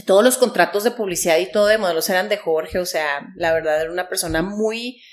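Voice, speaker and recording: A woman's voice: fairly low pitch, fast. Woman guest, middle-aged, casual chatty storyteller. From Chihuahua, Mexico. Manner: chatty, full of fillers and quoted dialogue. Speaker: interview guest.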